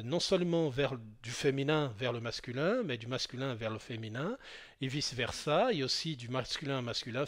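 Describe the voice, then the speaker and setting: Male spiritual speaker, mid pitch, hesitant off-the-cuff monologue full of restarts. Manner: hesitant, many restarts and fillers, lists at length.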